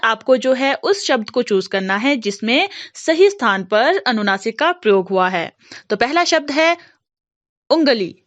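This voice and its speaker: A woman teaching a grammar lesson, explaining things slowly with frequent fillers. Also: high-pitched, dull audio.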